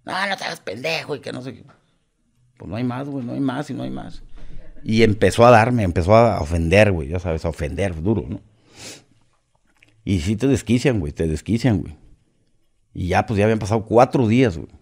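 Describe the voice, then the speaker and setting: A man's voice: fairly low pitch, a little fast, gravelly, long pauses, darkish tone, breathy edge. Mexican man telling a story, slangy. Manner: slangy, profane, acts out quoted voices. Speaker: podcast guest. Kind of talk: casual storytelling.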